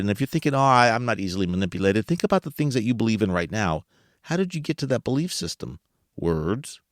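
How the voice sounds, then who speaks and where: With a lowish voice and darkish tone, a US podcast host chats with his audience in a relaxed way, asking rhetorical questions and chuckling along. It's a dry, clean studio recording.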